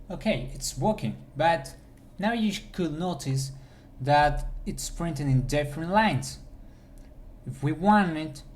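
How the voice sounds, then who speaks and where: A man teaching programming in a screencast, thinking aloud as he types and often restarting his sentences. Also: on the high side. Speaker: programming instructor. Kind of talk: screencast coding tutorial. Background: keyboard typing.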